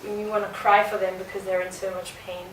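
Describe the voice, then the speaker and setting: A woman, a dancer answering interview questions in an earnest, reflective way, pausing on fillers. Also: mid-range voice, level tone. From South Africa. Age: early 20s. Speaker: guest dancer. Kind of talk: conversational interview. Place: indoor art venue. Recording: roomy, distant mic, noisy background.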